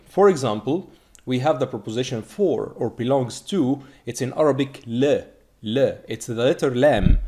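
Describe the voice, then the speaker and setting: A man from Egypt, teaching a language lesson and slowly repeating each word to drill it. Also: medium pitch, warm tone. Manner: slow, repeated drilling of words. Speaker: Arabic teacher.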